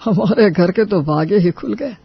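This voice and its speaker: A man's voice: sits high, normal speed, vocal fry, husky, dry recording, muffled recording, full character voice. A man voicing a cheerful, hearty middle-aged father-in-law in a cartoon. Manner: hearty, enthusiastic.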